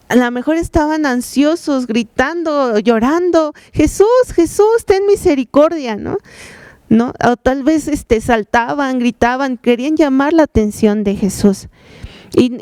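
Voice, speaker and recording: A woman preaches a conversational sermon, often putting questions to her listeners. Her fairly high voice is warm and smooth. The sound is dry and close. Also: no room sound. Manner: conversational, asks the congregation questions, acts out cries.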